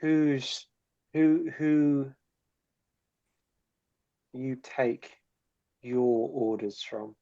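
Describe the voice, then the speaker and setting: Mellow man talking through game plans, slightly muffled. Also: mid-range voice, extremely slow, gravelly, long pauses. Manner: repeats and restates words while reasoning aloud. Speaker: tabletop game player. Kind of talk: casual table discussion.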